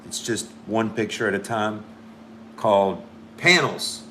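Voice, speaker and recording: Drawing live on stream, this man rambles and muses aloud, tossing in the odd bit of clumsy French. He speaks a little slowly, with a lowish, bright, forceful voice, and there's slight background noise.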